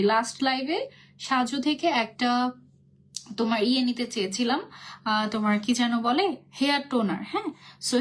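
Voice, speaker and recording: Chatty high-voiced young woman live streaming. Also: slight background noise. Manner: chatty, reads viewer comments aloud, mixes English words in. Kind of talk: casual chat on a live stream. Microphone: phone, no external mic.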